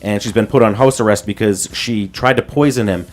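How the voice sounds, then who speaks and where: A man's voice: fairly low pitch, brisk, faint music behind. A male co-host with a Boston accent, reading news items and questioning them in a plain way. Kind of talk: live comedy talk show.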